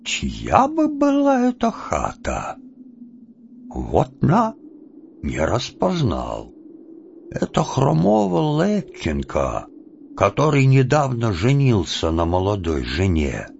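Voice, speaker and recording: Storybook role: a man playing a stubborn old Cossack, high and grumbling, mutters and flares up; dull recording. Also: huge pitch swings, slow, gravelly, a little mellow, a little hiss or hum, exaggerated voice. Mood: muttering. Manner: muttering to himself, indignant outbursts. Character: aging grumbling Cossack villager, stubborn and resentful. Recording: dull lo-fi audiobook, faint music.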